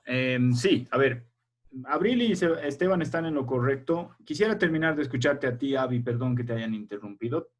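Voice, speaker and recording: A man's voice: mid-range voice, expressive, moderate pace. A man teaching a primary school language class over a video call, explaining patiently step by step and checking that the children follow.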